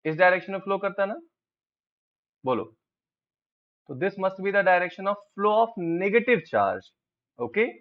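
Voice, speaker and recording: A man with an Indian accent teaching physics, explaining step by step and asking his students quick check questions. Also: sits high, very animated, lo-fi sound. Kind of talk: classroom lecture, Hindi-English mix.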